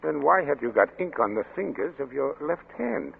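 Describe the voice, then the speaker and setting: An anxious doctor in a vintage radio thriller, hesitant and agitated. His voice is fairly high and creaky, leaping widely in pitch as he stammers. It comes through a tinny, noisy old recording. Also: very animated, normal speed, full character voice. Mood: worried, probing. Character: anxious, hesitant scientist's colleague, a fretful doctor. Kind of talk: 1940s radio suspense acting.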